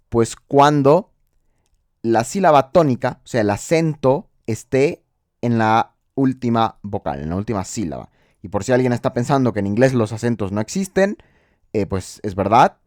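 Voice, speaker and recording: A man's voice: mid-range voice, darkish tone, no echo, clean studio sound. A man teaching English grammar, explaining rules step by step and checking in with his viewers through rhetorical questions.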